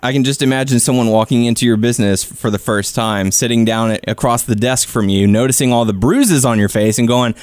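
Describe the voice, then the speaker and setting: A man's voice: medium pitch, a little fast, hardly any pauses, darkish tone, dry recording. A man hosting a casual sports talk podcast, interviewing a guest and introducing topics in conversational language. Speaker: podcast host.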